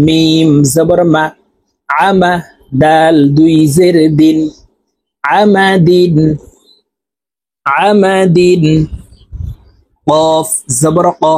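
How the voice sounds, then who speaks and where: Slow, husky Quran reading teacher. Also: male voice, a little high, a little mellow, no room sound, rough recording. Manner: slow drawn-out syllables, repeats each word. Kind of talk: spelled-out recitation lesson.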